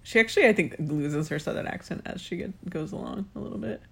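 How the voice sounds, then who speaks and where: A woman's voice: on the low side, fast, creaky, breathy edge. A woman co-hosting a podcast, chatting casually as she watches an episode and laughing often at what she sees. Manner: laughs often, animated reactions. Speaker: podcast co-host. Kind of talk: casual watch-along commentary.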